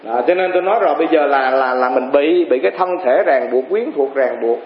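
A man's voice: mid-range voice, a little fast. A man giving a Dharma talk to an assembly as a monk teacher, telling folksy stories and acting out the people in them. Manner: folksy storytelling, acts out quoted voices, chuckles. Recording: muffled echoey room with faint ambience.

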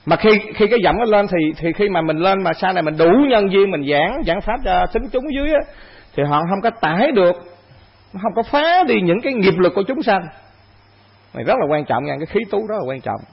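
A man's voice: sits high, sing-song, fairly quick, gravelly, husky, highs cut off. A man, a Buddhist monk, giving a conversational dharma talk to an assembly, asking himself questions and repeating phrases.

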